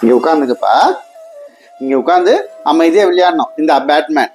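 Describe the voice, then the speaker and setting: A woman's voice: sits low, moderate pace, darkish tone, faint music behind, lightly acted. A woman playing a patient husband and adoptive father in a comedy skit, speaking in a soothing, coaxing way.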